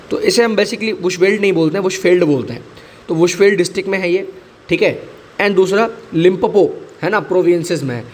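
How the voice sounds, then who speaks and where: A male teacher explains current affairs for exams in a chatty, repetitive way, slipping English phrases into his Hindi. His voice sits a little high. A faint hiss of background noise runs under the recording. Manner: chatty, mixes English into Hindi, repeats key points. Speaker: exam-prep teacher.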